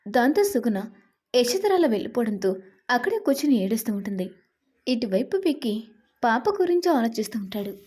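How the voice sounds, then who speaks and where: A woman narrating a dramatic serial story in a steady storytelling manner. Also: fairly high pitch, fairly quick, pauses often, slightly rough.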